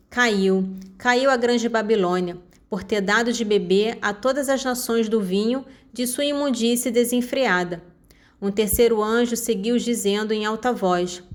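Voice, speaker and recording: A woman calmly reading Bible passages and short summaries in an even, measured way. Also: a little high. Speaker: Bible reader.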